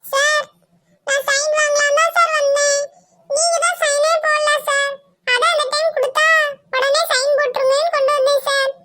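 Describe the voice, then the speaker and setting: A cocky teenage cartoon schoolboy brags to a girl and waves off his friend. His voice sits very high and bright. He talks. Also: level tone, normal speed, a little hiss or hum. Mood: nervous, pleading. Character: boastful teenage schoolboy show-off.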